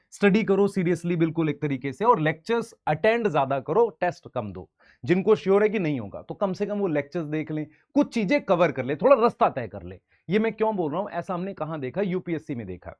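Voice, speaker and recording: Earnest coaching teacher, dull lo-fi sound. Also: male voice, a little high, darkish tone. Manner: earnest, addresses students as "beta", acts out students' replies. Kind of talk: direct-to-camera advice talk.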